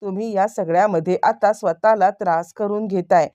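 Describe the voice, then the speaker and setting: A woman narrator voicing a worried wife who urgently and soothingly begs her husband to calm down. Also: medium pitch, normal speed, dry recording, highs cut off, close to an everyday voice.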